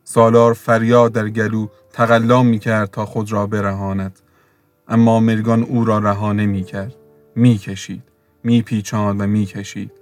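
A man reading a novel aloud in steady, measured scripted narration, with faint music behind. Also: fairly low pitch, no room sound. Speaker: audiobook narrator.

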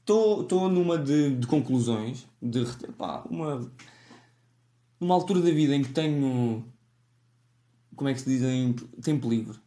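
A man's voice: medium pitch, animated, unhurried, long pauses, mellow. A man with a European Portuguese accent hosting a solo podcast, talking in a rambling, self-mocking way with frequent restarts. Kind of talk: rambling casual monologue.

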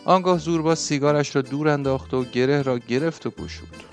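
A man narrating a novel as an audiobook in a measured, even reading voice, close to the mic. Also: on the high side, soft background music.

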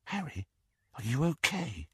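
A man voicing a bright young woman who talks breathlessly and with concern. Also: on the high side, huge pitch swings, a little slow, husky, no room sound, clean studio sound, pitched above the performer's own voice, exaggerated voice. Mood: hushed, concerned. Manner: breathless, caring.

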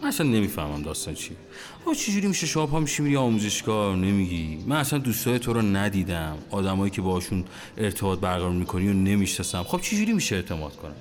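An actor playing a suspicious, jealous young man in a radio play. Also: deep voice. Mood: anxious. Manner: animated, mimicking others' words. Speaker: young man at a cafe with friends.

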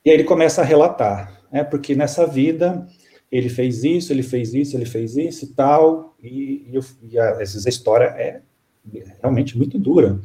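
Brief: man, spiritist counselor, calm halting storyteller, warm mellow tone. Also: medium pitch. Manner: calm, halting, many fillers. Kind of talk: storytelling in an interview.

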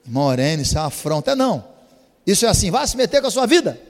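A male preacher telling a story in a sermon, animated and bursting into shouts. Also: high voice, rapid-fire. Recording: reverberant hall.

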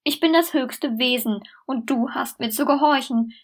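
A woman voicing a vain, bossy male dragon who talks slowly and crudely in a storybook reading. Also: high voice. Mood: boastful.

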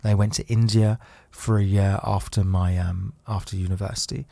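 Chatty man with a low voice. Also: level tone, moderate pace, creaky, dark tone, no echo. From United Kingdom. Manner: chatty, laughs easily, many restarts. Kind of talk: casual conversation.

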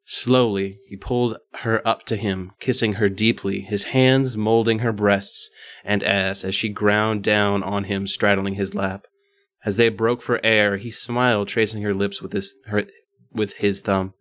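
A man on a podcast reads a romance novel aloud in a lowish voice, tripping over words and correcting himself as he goes. The sound is dry and close, with no room around it. He breaks off for quick asides before picking the text up again. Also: steady tone, fairly bright tone, dry recording. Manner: stumbling reading with self-corrections and asides. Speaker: podcast co-host.

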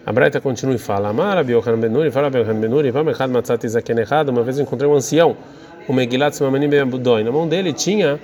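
A man's voice: mid-range voice, a little mellow. A man teaching Talmud, reading Hebrew phrases aloud and then explaining each one, with some hesitation. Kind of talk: reading and translating a text aloud.

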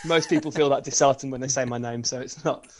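A man's voice: medium pitch, fairly even intonation, fast, slight background noise. A man co-hosting a casual podcast, dry and self-deprecating, swearing casually. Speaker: podcast co-host.

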